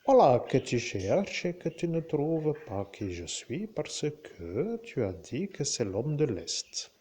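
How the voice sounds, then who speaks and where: A man with a Lorraine French accent, talking to his viewers in a slow, wandering monologue and often turning to address the listener directly. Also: medium pitch, sing-song, dark tone, breathy edge. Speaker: vlogger. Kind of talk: rambling monologue to camera.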